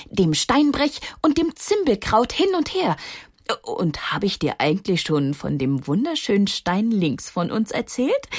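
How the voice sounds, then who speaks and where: A woman voicing a small, talkative male stone with a bright, high voice in a children's story. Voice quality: high, clear voice. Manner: eager, talkative.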